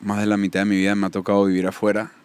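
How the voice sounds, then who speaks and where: A man's voice: on the low side, completely flat delivery, racing, clear, resonant tone. A young Panamanian man speaking with a Panamanian accent, a guest telling his life story in a casual podcast interview. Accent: Panamanian Spanish. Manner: storytelling, warm and faith-focused.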